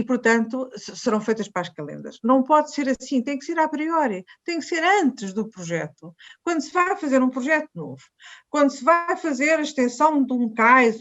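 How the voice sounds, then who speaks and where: Woman, late fifties, European Portuguese accent, insistent panelist, muffled call audio. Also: a little high. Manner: emphatic, insistent, with frequent restarts. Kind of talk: webinar panel discussion.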